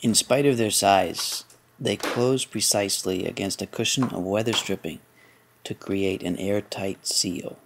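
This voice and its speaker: A man with a lowish voice reads a scripted promotional voice-over. His delivery is even and measured, with a faint hiss of noise under it. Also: gravelly. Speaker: narrator.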